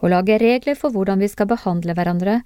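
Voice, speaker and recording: A woman giving a calm, measured scripted narration of classroom cases for a lesson, pausing to put questions to the listener. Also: mid-range voice, clear, resonant tone, no room sound, clean studio sound.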